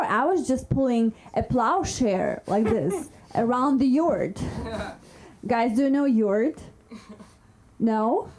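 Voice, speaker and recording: A woman's voice: a little high, a little mellow, slight background noise, rough recording. A woman from Kazakhstan with a Kazakh accent performing stand-up in a comedy club, teasing the crowd.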